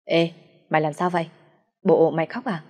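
A woman reading the lines of a blunt, caring young female friend who talks in a brisk, bossy way. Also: low voice, fairly even intonation, mellow, in a large hall. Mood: worried.

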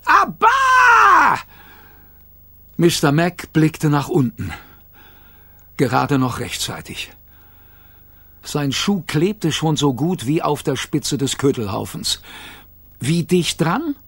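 A man reading a children's audiobook aloud in a playful, expressive storytelling manner. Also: a little high, slow, long pauses, breathy edge, no echo. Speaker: audiobook narrator.

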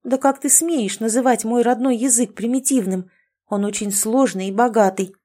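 A woman reading the lines of a feisty, sarcastic young woman in an audiobook, a touch higher than her own voice. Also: warm tone, lightly acted. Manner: quick-tempered, mocking.

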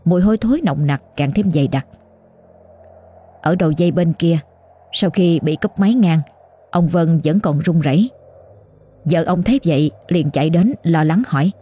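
A woman giving measured, dramatic scripted narration of a ghost story. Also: deep voice, warm tone, breathy edge.

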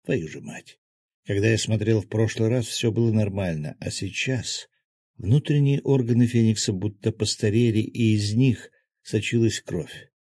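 Deep husky guy reading an audiobook in first person, terse and dry, very dry close sound. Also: normal speed, dark tone, no echo. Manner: terse, dry inner monologue. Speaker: audiobook narrator.

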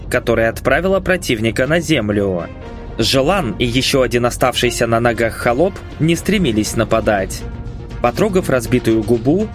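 A man narrating a first-person audiobook expressively, acting out the dialogue. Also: mid-range voice. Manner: expressive, commanding in the hero's lines.

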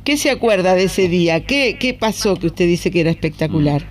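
A man's voice: sits high, animated, a little fast. A man hosting a radio interview, asking prompting follow-up questions. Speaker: radio host.

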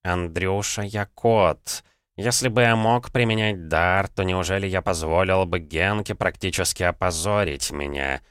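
Man voicing a sardonic talking cat, slow drawl, deep low tone, smooth and clear, dry close sound, audiobook. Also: fairly bright tone, no room sound. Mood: grudging. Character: sardonic talking castle-guardian cat, male.

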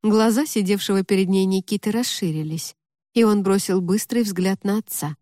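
A woman narrates a fantasy audiobook in a steady, even storytelling style, her medium-pitched voice moving at normal speed. The recording is dry with clean studio sound.

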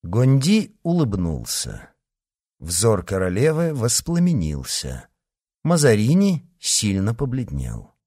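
A man narrating an audiobook in an expressive, dramatic way. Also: fairly low pitch, takes it slowly, no room sound, clean studio sound.

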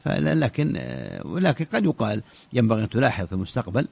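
A man giving religious rulings on a radio show, halting and often repeating words as he searches for the next one, on a dull lo-fi recording. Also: mid-range voice, wildly swooping pitch, vocal fry, darkish tone, breathy edge. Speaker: scholar answering religious questions. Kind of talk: radio fatwa answers.

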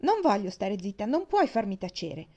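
A woman's voice: mid-range voice, sing-song, normal speed, darkish tone, dull audio. A woman voicing a bossy, indignant young farm girl who scolds sharply in a storybook reading.

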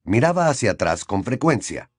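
A man narrating an audiobook in an expressive storytelling manner. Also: medium pitch, normal speed, breathy edge, no echo, clean studio sound. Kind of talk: scripted narration.

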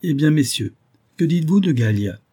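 A man reading aloud voices an irascible elderly professor who snaps commands and questions in a husky, mellow voice. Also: a little high, lively intonation, moderate pace, pitched above the performer's own voice. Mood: pleased. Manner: imperious, snapping questions. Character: irascible elderly male professor, gruff and demanding.

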